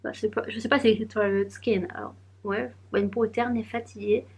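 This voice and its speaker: A woman's voice: medium pitch, steady tone, brisk, husky. A young woman vlogging casually, chatting and giggling as she unboxes and rambles aloud. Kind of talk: casual vlog chat.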